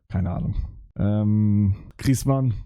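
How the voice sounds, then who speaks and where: A man's voice: fairly low pitch, slow, mellow, clear, resonant tone. A young man streaming live, chatting casually in heavy street slang with swearing, rambling and flustered. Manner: slangy, swearing, repeats "Digga" and "Bruder".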